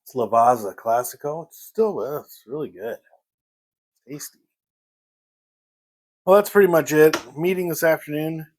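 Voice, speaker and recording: A man vlogging a casual morning chat at home, rambling and pausing to search for the right word. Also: on the high side, darkish tone. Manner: rambling, pauses to search for words.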